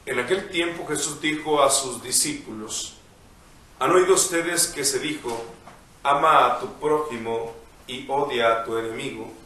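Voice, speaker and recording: A priest reading the gospel and preaching in a measured, solemn way, his voice ringing with heavy cathedral-like church echo. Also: medium pitch, sharp tone. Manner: measured, solemn liturgical delivery. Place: large church. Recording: heavy echo, distant mic, faint noise.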